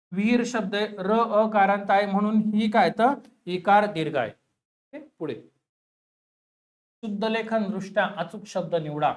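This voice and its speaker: A man teaching an exam-preparation lesson, who asks his students questions and then answers them himself, repeating the key words. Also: sits high.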